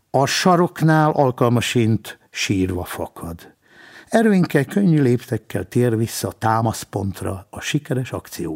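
A man's voice: mid-range voice, creaky, darkish tone, slightly rough. A man reading a humorous story aloud in a dry, wry narrating voice.

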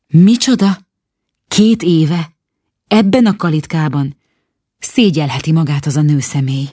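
Woman as stern proud nanny, low voice, curt and haughty, storybook. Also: dark tone, dry recording, clean studio sound. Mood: outraged.

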